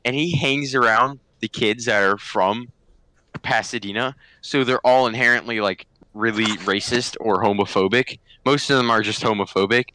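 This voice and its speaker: A young man co-hosting a casual podcast, firing off quick quips and laughing often. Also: medium pitch, pushed and bright, rough recording. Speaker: podcast co-host.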